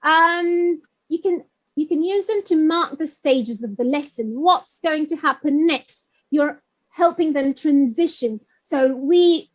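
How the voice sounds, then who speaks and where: High-voiced woman presenting a webinar. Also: rough recording. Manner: chatty, addresses attendees by name. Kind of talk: online teacher-training talk.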